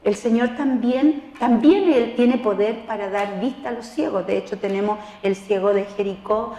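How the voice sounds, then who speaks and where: A woman preaching at a spiritual seminar. She talks straight to the listener and acts out the people she quotes. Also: normal speed. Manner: expressive, acts out quoted voices with rising pitch; addresses listener directly as tú. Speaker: lay preacher teaching a seminar. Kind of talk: spoken sermon teaching. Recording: roomy hall with long reverb.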